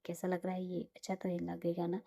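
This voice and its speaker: A woman voicing a shy, flustered young bride-to-be in a retold romance story, hesitant and stammering, with a low, gravelly voice. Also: monotone, fairly quick, mellow.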